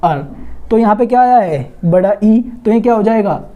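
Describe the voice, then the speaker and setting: A woman teaching a grammar lesson for exam students, asking questions and answering them herself, slowly drawing out and repeating sounds. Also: mid-range voice, narrow, tinny audio. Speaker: Hindi teacher.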